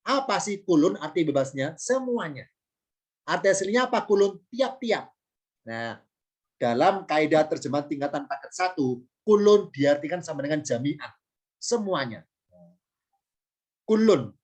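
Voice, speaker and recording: A man's voice: fairly high pitch, big pitch swings, moderate pace. A male teacher in an online class, moving through a point step by step. He poses questions and answers them himself, and repeats key terms so they stick. He adds small apologies before his examples. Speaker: Islamic studies teacher. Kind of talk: online lesson on Arabic grammar and Quran meaning.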